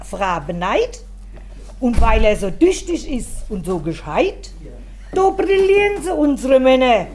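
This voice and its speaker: A woman performs a rhymed comic monologue on stage. Her voice sits high, and she lets each line land slowly and deliberately. Her delivery is dry and wry. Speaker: comedian.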